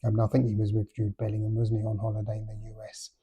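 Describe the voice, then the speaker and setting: A man's voice: lowish voice, monotone, quick pace, husky, dull audio. A middle-aged man hosting a casual solo football podcast, hesitant with many fillers and dry, understated remarks. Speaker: podcast host.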